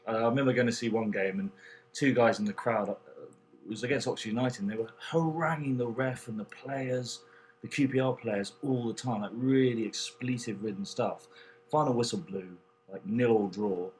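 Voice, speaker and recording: A man's voice: medium pitch, moderate pace, a little hiss or hum. A man co-hosting a casual chat, telling stories in a dry, anecdotal way. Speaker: co-host.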